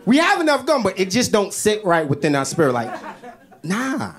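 A man from the Bronx, doing a stand-up set in an animated, exclamatory way full of street slang. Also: high-pitched, normal speed, a crowd in the background. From the Bronx, New York. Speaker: stand-up comedian. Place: stage before a live audience. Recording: live stage with audience laughter.

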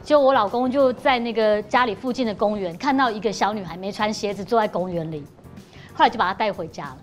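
A woman, a mother on a TV talk show, telling an anecdote in a lively way and acting out what was said. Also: mid-range voice, quick pace, soft background music. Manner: lively, acts out quotes. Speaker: guest, mother. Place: TV studio.

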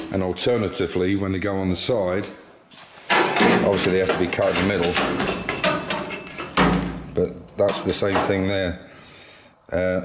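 Here a deep-voiced man in his sixties explains how he's fabricating metal for a classic car, musing aloud with simple fillers as he goes. It's workshop how-to narration recorded in a large indoor car workshop, where the room echoes and background noise comes through.

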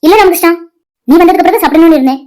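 A woman voicing a caring young wife in a cartoon, earnest and quick to scold. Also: extremely high pitch, a little mellow. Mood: gentle.

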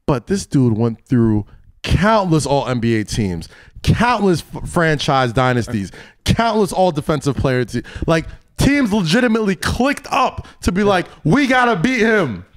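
A man's voice: fairly high pitch, sing-song, unhurried, no room sound. Argumentative man with a New York accent. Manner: argumentative, teasing, talks over his co-host. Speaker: podcast co-host. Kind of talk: casual debate.

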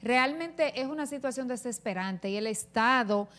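A woman's voice: fairly high pitch, moderate pace, a bit bright. A woman from the Dominican Republic hosting a live TV panel, earnestly explaining at length and growing indignant. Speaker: TV talk show host.

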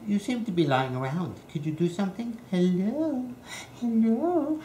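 A woman's voice: lowish voice, animated, fast talker, darkish tone. A woman talking sing-song baby talk to her puppies at home, greeting each one by name as she films. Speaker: dog breeder filming her puppies. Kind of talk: cooing at puppies, casual home video. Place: indoors at home by a puppy pen. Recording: roomy room, faint background hiss.

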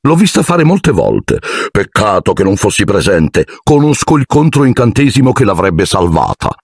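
A pompous, self-admiring wizard teacher holds forth in a raised, showy voice, as a male reader puts him on. The voice is husky and close, with lively, swooping pitch. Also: normal speed, no room sound, heavily acted. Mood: pompous boasting.

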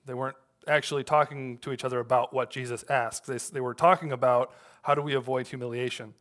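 A man's voice: medium pitch, fairly even intonation, quick pace, a bit bright. A man preaching a sermon in a loose, conversational way, with many fillers and restarts as he tells a personal story. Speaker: pastor.

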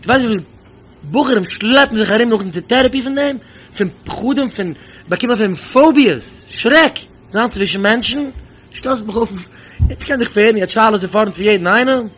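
High-pitched impassioned rabbi, a man. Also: lively intonation, brisk, fairly bright tone, slight background noise. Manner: impassioned, with repeated rhetorical questions. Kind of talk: sermon.

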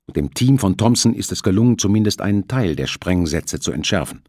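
A man's voice: sits low, expressive, fairly quick, a little mellow, no room sound, studio quality. A man voicing a firm, stubborn male ship captain reporting over the radio in an audiobook.

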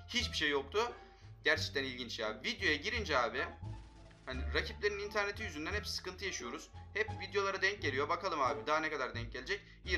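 A young man with a bright, high voice calls his own mobile football match with lively, excitable energy, often venting his frustration at his players. Faint game music plays underneath. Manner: excitable, frustrated outbursts at teammates. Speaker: gaming channel host.

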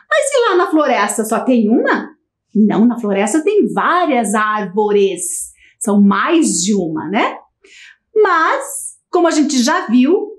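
Sing-song Brazilian teacher talking to kids. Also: female voice, high-pitched, reverberant. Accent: Brazilian Portuguese. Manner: slow, sing-song, encouraging, talks straight to young children. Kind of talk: children's lesson on video.

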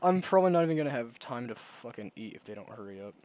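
A man playing a video game with friends, muttering low asides between panicked yells, talking into a headset mic. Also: expressive, fast talker, no echo. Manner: swings from mumbling low asides to shrill panicked yelling. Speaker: gamer. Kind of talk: casual game chat.

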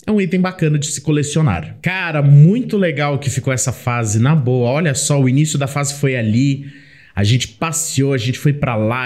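Brazilian guy doing lets play commentary, chatty and excitable, voice jumps up and down a lot, kinda high. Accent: Brazilian Portuguese. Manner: chatty, excitable, talks to the game character. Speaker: gameplay commentator. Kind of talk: casual let's play commentary.

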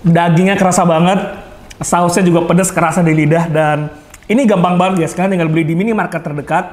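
A man's voice: sits high, fairly even intonation, quick pace. A young man with hosting a mukbang, chatty and promotional as he talks to his audience and his guest. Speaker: mukbang host. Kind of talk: casual chat while eating.

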